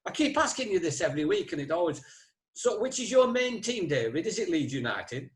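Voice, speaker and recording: A man hosts a quiz over a video call. He has a fairly high voice and teases his players with dry jokes between questions. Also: very animated, fairly quick. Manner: jokey, teasing quiz master. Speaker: quiz host.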